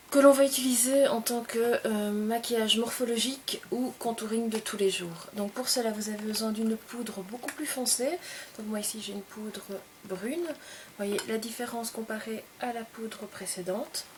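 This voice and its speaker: A young woman walks through her makeup routine in a gentle, explanatory way, pausing between short phrases. Her voice sits a little high. A faint hiss runs under the recording. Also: steady tone. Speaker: makeup tutorial presenter. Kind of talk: casual step-by-step makeup tutorial.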